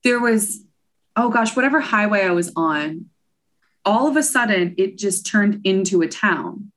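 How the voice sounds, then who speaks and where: A woman's voice: medium pitch, a little slow. A woman guest on a podcast, telling road trip stories in casual chat, giggling and quoting herself. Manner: animated storyteller, giggly, quotes herself.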